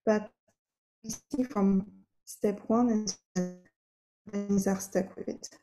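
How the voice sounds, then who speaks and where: A woman's voice: medium pitch, fairly even intonation, slow, music in the background, low-quality recording. A woman panel speaker presenting on a video call, her audio choppy and breaking up as she searches for words. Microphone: computer mic on a video call.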